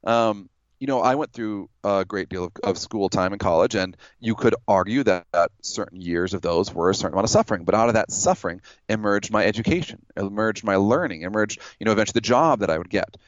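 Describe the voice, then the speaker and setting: A man with a low voice lays out his argument patiently and methodically, walking through examples. The sound is dull and lo-fi, with a dry, close feel. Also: no echo. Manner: measured, explanatory, uses hypotheticals. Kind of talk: debate.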